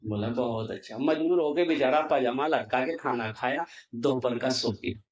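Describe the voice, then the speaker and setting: A man's voice: mid-range voice, moderate pace, roomy sound, muffled recording. A male preacher from Kolkata at a religious gathering, telling a comic folk story into a stage microphone and acting out the lines of the people in it. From Kolkata, India. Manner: animated storytelling, acting out family members' lines. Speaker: Islamic preacher.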